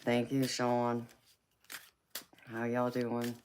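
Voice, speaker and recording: A California woman with a Southern US accent hosts a casual livestream as a psychic tarot reader, answering viewer comments, laughing often and calling viewers "baby". Her very deep voice is monotone, very slow and darkish, with a little hiss or hum.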